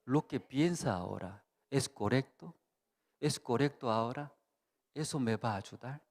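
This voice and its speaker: A man preaching at a Bible seminar, halting and repetitive, constantly checking in with the congregation. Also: medium pitch, a little mellow, big-room sound. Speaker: pastor. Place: church hall.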